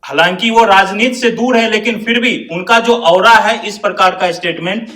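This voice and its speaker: Man, political panelist; high, bright, emphatic; slightly off-mic. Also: moderate pace. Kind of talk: heated TV panel debate. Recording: distant from the mic.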